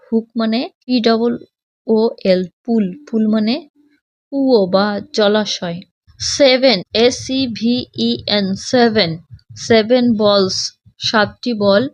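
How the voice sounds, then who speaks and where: A woman teacher speaks slowly and patiently in a fairly high voice, spelling words out letter by letter before explaining each one for children. The recording is dry and close, with a muffled, lo-fi sound. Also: no echo. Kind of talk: children's textbook lesson. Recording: dull lo-fi, dry.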